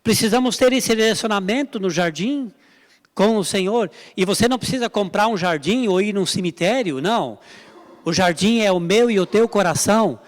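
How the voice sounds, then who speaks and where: Pastor guy preaching hard, high voice, long echo in the church. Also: moderate pace. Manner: emphatic, repetitive preaching with direct appeals. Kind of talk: sermon. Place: church service.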